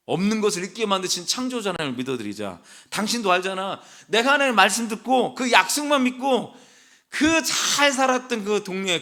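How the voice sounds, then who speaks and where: A man's voice: a little high, a bit bright, heavily acted. A man voicing an ancient husband patriarch tenderly reassuring his wife, pleading with her to hold on to faith.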